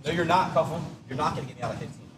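A man's voice: a little high, rapid-fire. A young man in casual, slangy, insistent banter, recorded outdoors. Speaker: challenge participant sitting in an ice bath. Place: outdoor driveway at night. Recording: noisy echoey outdoor stream, distant mic.

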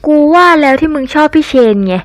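A crude, teasing teenage boy, read by a woman in a storybook reading. He sounds boastful and coarse, and his voice sits a little high. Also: big pitch swings, brisk.

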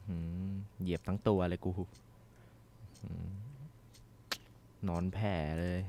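A young man commentating a horror game as he plays, swearing and shouting when startled. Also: low voice, little pitch movement, slow pace, noisy background. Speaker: gaming streamer.

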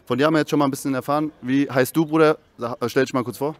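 Male host, fast speech, mid-range voice, casual slangy questions. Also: mid-range voice, fairly even intonation. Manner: slangy, chummy, asks lots of questions. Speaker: interviewer host. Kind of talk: casual interview.

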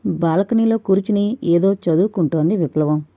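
A woman reading a novel aloud in steady scripted narration. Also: fairly low pitch, normal speed, dry recording, phone-quality sound. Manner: steady storytelling. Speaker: audiobook narrator.

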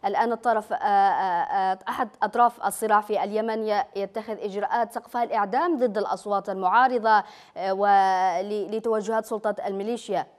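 Fast-talking woman news host. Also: medium pitch, steady tone. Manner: fast questions with frequent hesitant fillers. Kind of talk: live TV news interview. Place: TV studio.

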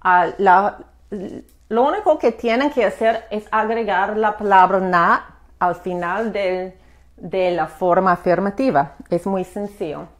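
A woman gives a live beginners' language lesson at a slow, unhurried pace. She explains patiently, often restarting and filling pauses as she goes. Her voice sits in a middle pitch. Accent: American English accent in the English words. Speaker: English teacher.

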